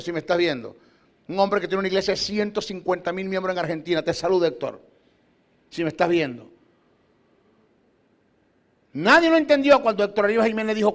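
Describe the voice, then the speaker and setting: Middle-aged male preacher, high voice, emphatic, repeats phrases in exhortation. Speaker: preacher and Bible teacher. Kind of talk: sermon teaching.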